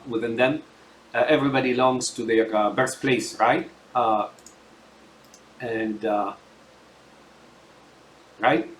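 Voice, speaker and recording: A man's voice: mid-range voice, fairly bright tone, a little hiss or hum. Rambling older Syrian-born man, echoey room. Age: 60s. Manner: rambling, heavy filler words, repeated tag questions. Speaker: political commentator. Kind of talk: casual political rant.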